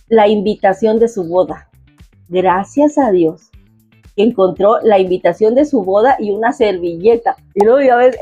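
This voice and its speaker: A woman's voice: mid-range voice, a little mellow, husky, dry recording, highs cut off. A middle-aged woman with a Mexican accent, chatting casually to viewers in a rambling way, full of asides. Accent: Mexican Spanish. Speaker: cooking vlogger.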